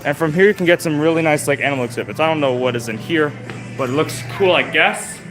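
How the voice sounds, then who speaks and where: A young man talks through a live stream as he walks a theme park, chatty and loose with plenty of fillers. His voice sits a little high. He is recorded outdoors on a phone with loud park music behind him. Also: fast. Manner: rambling, chatty, lots of fillers. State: out of breath. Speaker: vlogger livestreaming a theme park walk. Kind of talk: casual live walkthrough commentary.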